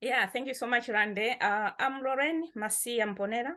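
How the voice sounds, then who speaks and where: A Malawian poet and activist is the guest in an interview, her voice bright, forceful and on the high side at a normal pace. She talks casually, laughs often, and repeats words while collecting her thoughts.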